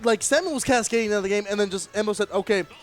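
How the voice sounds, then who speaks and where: A man calling a fighting-game match live, energetic and jokey, with bursts of shouting at big plays. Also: sits high, rapid-fire, faint music behind. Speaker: esports commentator. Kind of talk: excited live play-by-play commentary.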